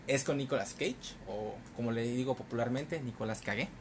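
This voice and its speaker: A man's voice: mid-range voice, brisk, noisy background. A man with a Mexican Spanish accent, co-hosting a casual chat and animatedly retelling movie plots with slang. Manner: animated storyteller, acting out characters with swearing and laughter. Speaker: podcast co-host.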